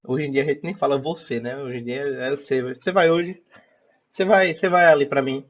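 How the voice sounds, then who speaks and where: A man's voice: mid-range voice, a little fast. A young man with a Northeastern Brazilian accent teaching an online class. He keeps checking in with "tá?" and "né?" as he talks. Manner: chatty, checks in often with "tá?" and "né?".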